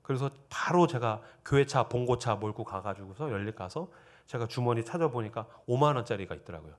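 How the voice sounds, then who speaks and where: A middle-aged man preaching at a church teachers' seminar, telling personal stories and acting out quoted dialogue with lively swings between loud, excited passages and low murmurs. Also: brisk. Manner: animated, quotes himself and students in lively dialogue. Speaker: pastor. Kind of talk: sermon storytelling at a teachers' seminar. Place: church sanctuary.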